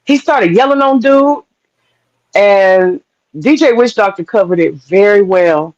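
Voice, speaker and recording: A woman's voice: medium pitch, measured pace. Emphatic woman on a dull lo-fi call. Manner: emphatic, animated storytelling. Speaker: panel guest. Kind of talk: casual live-stream chat.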